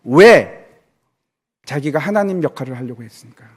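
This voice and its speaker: Lively, high-voiced male preacher. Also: moderate pace, husky. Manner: dramatic preaching, acting out characters' words; asks and answers rhetorical questions. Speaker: pastor. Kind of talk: sermon. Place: church.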